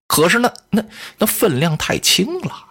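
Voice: mid-range voice, very animated, moderate pace, a bit bright, breathy edge. A storyteller voicing a sly, blustering male general who fawns over his lord while plotting. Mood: fawning. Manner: fawning toward his lord, crafty. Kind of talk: traditional storytelling.

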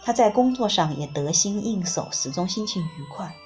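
A woman narrating a book in the first person, reading in a calm, measured way. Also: mid-range voice, faint music behind. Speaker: audiobook reader.

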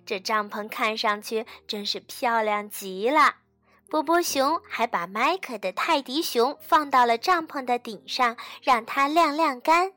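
A woman storyteller reading a children's bedtime story in a slow, soothing way. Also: fairly high pitch, dry recording, faint music behind. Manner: slow, soothing, fading to soft.

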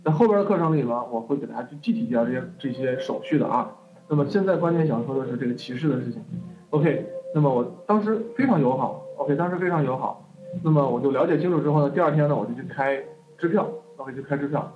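A man lecturing, telling a personal story in an animated way and often tagging his sentences with "OK". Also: medium pitch, quick pace. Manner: animated, peppers speech with "OK". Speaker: lecturer on going abroad. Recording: phone-like narrow band with faint music.

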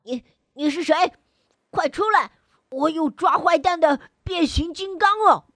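A bold little boy, played by a woman, shouts his lines with eager pride. The voice is high and close and dry, with no room sound around it. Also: sing-song, a little slow, husky, dry recording, exaggerated voice. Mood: eager, boastful. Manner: eager, show-off, exclamatory. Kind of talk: children's storybook voice acting.

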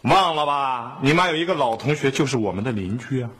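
A man's voice: mid-range voice, lively intonation, fairly quick, a bit bright, breathy edge. An actor playing a dry-witted middle-aged father who trades wisecracks, in a sitcom. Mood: wry. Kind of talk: sitcom acting.

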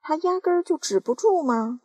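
A woman voicing a fat, greedy aunt who yells loudly in a storybook reading. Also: high-pitched, expressive, normal speed, no echo, clean studio sound, voice pushed up. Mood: yelling. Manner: loud, yelling.

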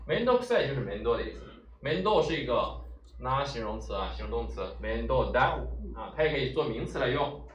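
A man teaching Japanese vocabulary, explaining each word and asking rhetorical questions, with many drawn-out "ah" fillers. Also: medium pitch, sing-song, muffled recording, a little hiss or hum. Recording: roomy echo, mic at a distance, faint ambience.

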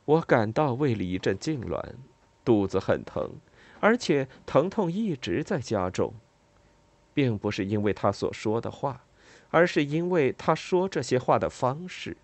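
An audiobook narrator reading a first-person story in a measured way. The pitch moves in a lively, animated line, and the voice sounds close and dry, with no room behind it. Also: no echo.

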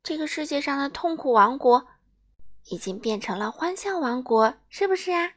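Lively woman reading a children's story. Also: sits high, moderate pace. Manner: expressive, addresses children directly.

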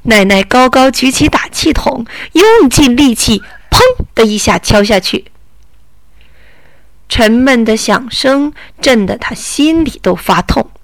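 A woman reading a children's story aloud, narrating slowly and deliberately. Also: fairly high pitch, expressive, dry recording.

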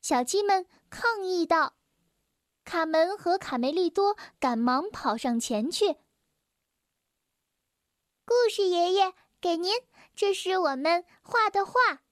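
Woman reading bedtime stories to kids, high and unhurried, gentle, close dry mic. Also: animated, no echo. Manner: gentle, slow, clear storytelling voice. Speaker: children's story reader. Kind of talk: reading a children's story aloud.

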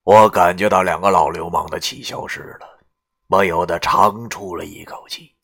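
A man narrating a story in an animated, wry way, with crude asides. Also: sits low, normal speed, gravelly.

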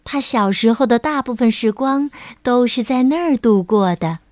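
A woman reading a children's story aloud in a gentle, slow and expressive way. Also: on the high side, no echo, clean studio sound. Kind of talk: scripted children's story narration. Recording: narration over loud music.

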